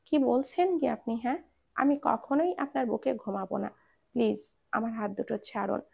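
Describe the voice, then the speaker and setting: Lady reading as a scared, stubborn young wife, high and gravelly, begging and scolding. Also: moderate pace, dark tone, heavily acted. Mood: indignant. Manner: pleading, indignant. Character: young bride, stubborn and frightened.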